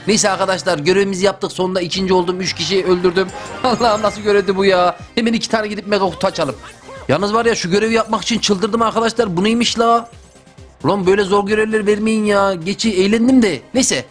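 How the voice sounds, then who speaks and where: High, fast-talking young gamer guy. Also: soft background music. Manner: excitable, slangy, talks to himself and viewers. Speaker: gaming YouTuber. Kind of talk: live gameplay commentary.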